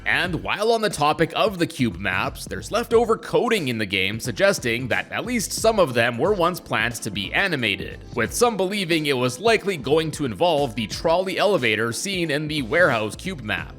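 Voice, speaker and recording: A man's voice: on the high side, sing-song, normal speed, few pauses, fairly bright tone. A man hosting a gaming video, reading scripted explainer narration. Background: music.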